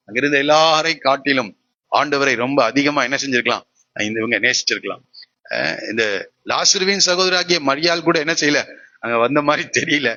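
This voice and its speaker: A man preaches to his congregation in a high, bright, sharp voice that rises and falls widely. He keeps asking them questions and then answers them himself. The sound is dull and lo-fi. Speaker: pastor. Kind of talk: sermon.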